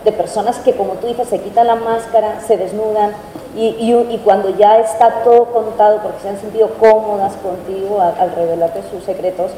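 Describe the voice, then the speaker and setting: Very mellow woman moderator in an echoey hall. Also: medium pitch, fairly even intonation, moderate pace. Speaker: panel moderator. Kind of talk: moderating, long spoken questions. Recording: echoey hall with faint noise.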